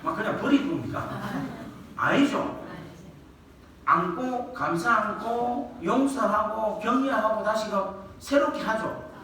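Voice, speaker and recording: A man's voice: high-pitched, slow pace, a little hiss or hum. A male revival preacher, delivering a colloquial sermon and quizzing the congregation. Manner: lively, colloquial, asks the congregation questions and acts out quoted scolding. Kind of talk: revival sermon with call and response. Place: church sanctuary. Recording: echoey church hall, distant mic.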